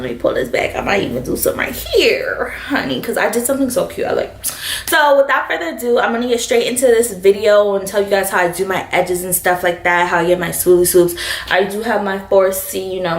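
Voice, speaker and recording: A young woman vlogging about her hair in a quick, bubbly, self-aware and rambling way. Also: mid-range voice. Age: young adult. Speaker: beauty vlogger. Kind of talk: casual chatty vlog. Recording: roomy echo.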